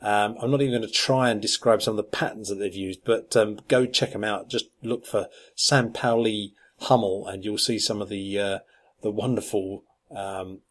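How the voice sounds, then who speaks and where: A man's voice: on the low side, fairly even intonation, normal speed, a bit bright. A man co-hosting a podcast, chatting casually with plenty of ums and restarts. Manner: rambling, lots of ums and restarts. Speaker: podcast co-host. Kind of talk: casual chat.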